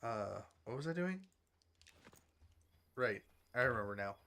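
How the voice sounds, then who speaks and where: Bright-voiced man rambling on stream. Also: mid-range voice, lively intonation, unhurried, vocal fry. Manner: rambling, self-correcting, chatty. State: yawning, sleepy. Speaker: streamer with an avatar model. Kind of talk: casual stream chat.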